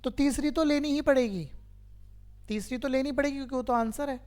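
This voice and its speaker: A man's voice: extremely high pitch, fairly quick, a little mellow, clean tone. A man teaching a math lesson to a class, who keeps quizzing his students and patiently repeats each step.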